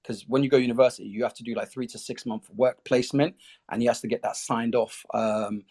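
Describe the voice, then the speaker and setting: A man's voice: medium pitch, fairly even intonation, fast talker, a little mellow. A man talking casually in an interview, explaining the project he founded. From came to the UK as a child refugee.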